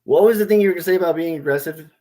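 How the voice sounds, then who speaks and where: A man's voice: a little high, very fast, dark tone. A man co-hosting a podcast, joking around and playing along with his friends' bits. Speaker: podcast co-host. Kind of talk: casual banter.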